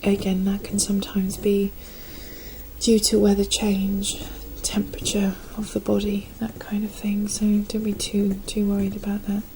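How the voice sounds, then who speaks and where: A woman doing a whispered role-play as a gentle, calm nurse, speaking in a soft, breathy half-whisper with a reassuring manner. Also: medium pitch, normal speed, a little hiss or hum, low-quality recording. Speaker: ASMR performer playing a nurse.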